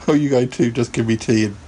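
A man hosts a casual live podcast, chatting in a rambling way and laughing often. His voice is medium-pitched and mellow, he speaks fairly quickly, and there's slight background noise.

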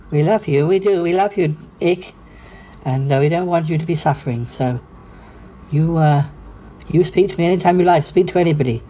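A man's voice: fairly high pitch, mellow, a little hiss or hum, lightly acted. A man doing a doting, dithering genteel lady. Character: fussy, doting older lady, motherly.

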